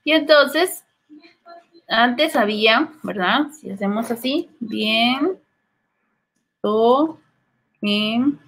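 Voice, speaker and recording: A woman's voice: fairly high pitch, a bit bright. A woman teacher with a Guatemalan accent, explaining a literature lesson step by step and often checking in with her students. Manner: slow, step-by-step explaining with frequent "¿verdad?". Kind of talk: classroom lesson.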